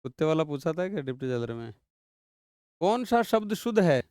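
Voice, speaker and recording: A man teaching an online exam-prep grammar class, quizzing his students and repeating each word slowly so they catch it. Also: on the high side, big pitch swings, a little mellow, no room sound, clean studio sound.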